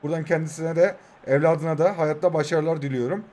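Speaking quickly in a fairly high, steady and slightly mellow voice, a twenty-something man comments excitedly on his own football video game matches for his YouTube channel about the mobile game. He cracks jokes, cheers when he scores, and chats with his players and his audience.

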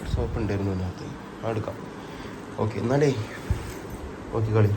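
A man's voice: fairly low pitch, a little fast, background noise. A young man from Kerala with a North Kerala Malayalam accent, chatting casually to viewers in a family vlog at home. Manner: chatty, addresses viewers as guys. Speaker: family vlogger.

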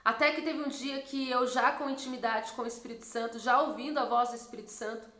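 A woman's voice: fairly even intonation, fast talker, reverberant. A woman in her twenties, a missionary, telling her personal testimony in an earnest storytelling way. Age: 20s. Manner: earnest storytelling, drops soft and low when quoting God.

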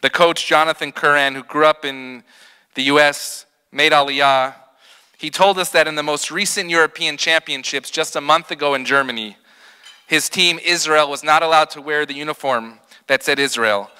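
A middle-aged man, a rabbi, giving a prepared ceremony speech at a podium, telling stories with slowed, emphatic pauses. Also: on the high side, bright, forceful tone, clear, resonant tone. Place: large hall with balloon decor. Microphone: podium microphone. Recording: long hall reverb.

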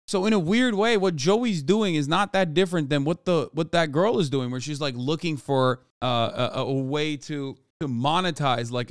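A man's voice: on the high side, clear, resonant tone, no room sound, studio quality. Profane ranting streamer man. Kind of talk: live stream commentary. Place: home streaming room, indoors. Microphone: studio mic on boom arm.

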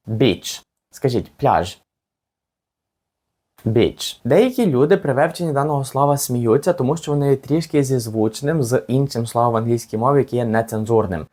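Guy teaching a beginner lesson, patient, says every phrase slow and twice, voice goes up and down a lot. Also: mid-range voice, a little mellow. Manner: patient, repeats each phrase slowly for the learner. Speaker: language teacher. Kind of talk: step-by-step language lesson.

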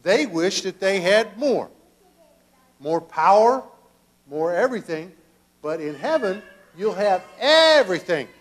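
Older pastor guy talking slow to a bunch of kids in church, higher voice, kinda halting. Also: big pitch swings. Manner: gentle questioning of children, slow and halting. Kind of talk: children's sermon. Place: church sanctuary, children seated around him.

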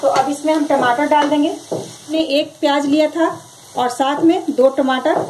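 Woman, cooking host, high voice, calm step-by-step recipe voice-over, faint hiss behind. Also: unhurried, low-quality recording. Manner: calm, instructive, repeats each step. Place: home kitchen, over frying sounds.

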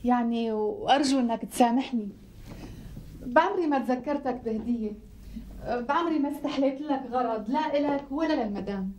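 An actress playing a polite, apologetic young doctor who speaks with a Syrian Arabic accent in a TV sitcom. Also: female voice, high-pitched, fairly quick, a little mellow, slight background noise, natural voice. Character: polite young female doctor, sheepish gift-giver. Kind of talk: TV sitcom acting.

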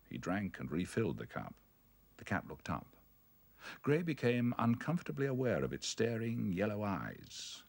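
A man telling a ghost story in a measured, brooding delivery. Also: on the low side, gravelly, slightly rough. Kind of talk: dramatic ghost story reading.

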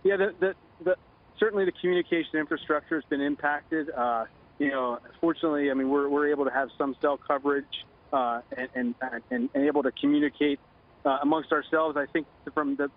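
A middle-aged man giving a halting official briefing in a live news interview over the phone. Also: on the high side, fairly even intonation. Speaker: Coast Guard commander, phone interviewee. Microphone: phone line. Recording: dull lo-fi phone line.

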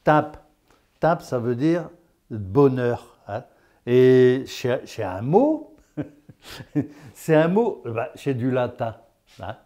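A man's voice: medium pitch, very animated, slow, long pauses, dark tone. A man giving a folksy dialect lesson. He is chatty, tags his lines with "hein?" and laughs at his own jokes. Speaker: patois teacher on local TV.

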